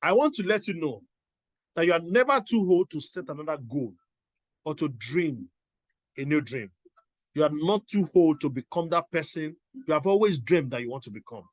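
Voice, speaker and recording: A man's voice: on the high side, expressive, normal speed, no room sound. A middle-aged man giving a motivational teaching talk, emphatic and repeating his exhortations. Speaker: motivational coach.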